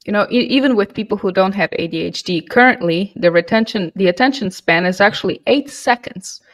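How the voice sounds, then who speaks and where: Young woman, interview host, medium pitch, chatty, probing questions, studio mic at home. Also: a little fast, poor audio. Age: young adult. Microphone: headset and studio mic.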